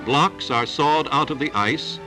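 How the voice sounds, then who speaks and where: A man narrating an old newsreel in a measured, declarative announcer delivery. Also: on the high side. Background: music score.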